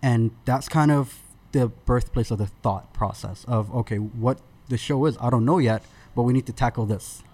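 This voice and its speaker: Speaking as a podcast guest, this man in his thirties, originally from Sudan, tells his story in a loose, chatty way. His pitch is ordinary for a man, and he keeps pausing on fillers and beginning sentences again.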